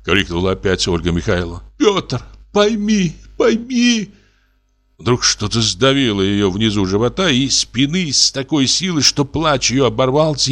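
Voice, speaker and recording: A man with a lowish voice reads classic fiction aloud at an even, measured pace. His narration is expressive, with the mood carried by his delivery. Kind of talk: audiobook reading of classic fiction.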